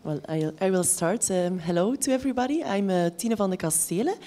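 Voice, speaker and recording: A woman from Belgium with a Flemish accent introducing herself on a conference panel, in a plain and slightly halting way. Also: medium pitch, animated, mellow. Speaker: panel speaker, project manager.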